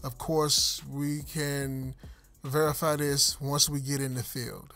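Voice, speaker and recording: A man hosts a hands-on car audio product test, explaining each step to viewers as he goes and calling them "you guys." His mid-range, slightly bright voice keeps a level tone and a slow pace. Vehicle ambience is clearly audible in the background.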